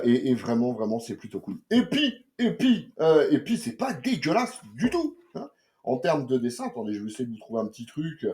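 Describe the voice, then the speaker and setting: A man giving a casual spoken comic book review from home, lively and slangy, with many restarts and fillers. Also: mid-range voice.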